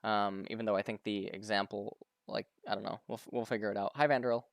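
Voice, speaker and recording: Smooth-voiced man casually co-streaming a match. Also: on the low side, steady tone, no room sound, clean studio sound. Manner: halting, repeats words, answers chat questions. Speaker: streamer commenting on a pro match. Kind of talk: casual live co-stream commentary.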